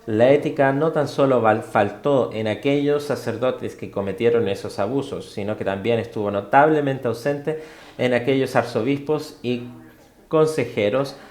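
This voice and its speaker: Man, lecture interpreter, mid-pitched, hesitant with many fillers, echoey room. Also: fairly even intonation, a little mellow. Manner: halting, with frequent fillers and self-corrections. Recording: roomy hall sound.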